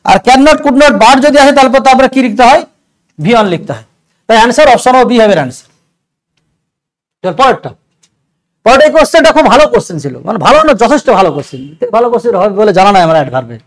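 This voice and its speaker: A male grammar teacher talks through exam questions at a quick clip, in a voice pitched strikingly high. He keeps turning to rhetorical questions as he explains each step. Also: poor audio. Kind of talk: exam doubt-clearing lecture.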